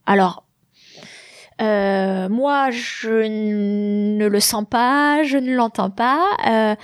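A French woman hosts her podcast on a large studio mic with headphones, delivering a casual, hesitant monologue packed with fillers. Her French accent carries a slight English influence, and her mid-range voice is very slow, clear, and resonant, with no room sound.

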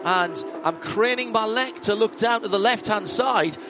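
A man's voice: high-pitched, measured pace, over music. A man giving live motorsport commentary as lead announcer, calling the action play-by-play and correcting himself as he goes. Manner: running play-by-play with self-corrections. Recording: loud car and engine noise behind. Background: race cars, trackside ambience.

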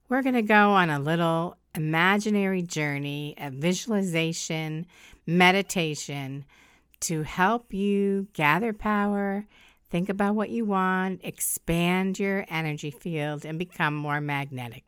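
A woman's voice: lowish voice, fairly bright tone, clear, resonant tone, dry recording, clean studio sound. A middle-aged woman hosting a show, telling personal stories directly to listeners. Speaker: host of a spiritual show.

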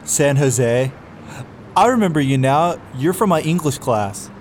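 A man's voice: medium pitch, expressive, unhurried, slight background noise, close to an everyday voice. A man voicing an awkward young man chatting up a stranger in a comedic screenplay read-through, hesitant and stumbling.

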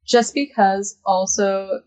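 A woman's voice: mid-range voice, fairly even intonation, slow pace, darkish tone, poor audio. A woman guesting on a podcast in casual chat, giggly and agreeable.

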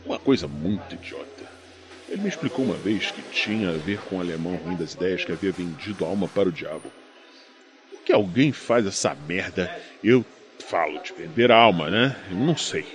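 An actor in a crime audio drama playing a vengeful enforcer, taunting, sardonic and foul-mouthed, speaking deliberately. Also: male voice, low voice, expressive. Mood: sardonic contempt. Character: menacing, vengeful male enforcer avenging his brother. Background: music.

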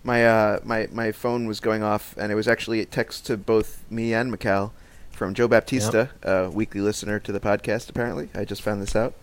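A man hosting a casual podcast with a somewhat low voice. He sounds relaxed and laughs easily as he moves the talk along. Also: fairly quick, hardly any pauses. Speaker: podcast host. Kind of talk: casual chat.

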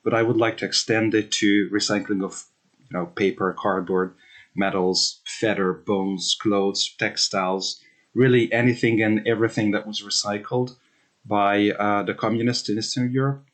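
A man's voice: on the low side, fairly even intonation, moderate pace, fairly bright tone. A man from Hungary in his thirties, a researcher answering interview questions thoughtfully, with many fillers and restarts.

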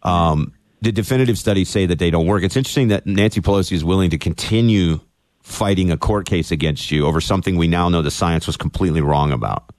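A radio talk show host interviewing a guest, opinionated and getting worked up. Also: male voice, low voice, fast talker, dry recording.

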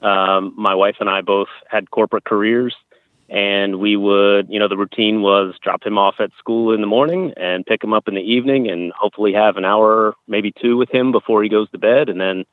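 Male interview guest, thirties, low voice, thin phone audio, conversational and personal. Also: fairly even intonation, moderate pace, no echo, phone-quality sound. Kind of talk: casual conversational interview, telling personal experiences. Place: outdoors at a campground.

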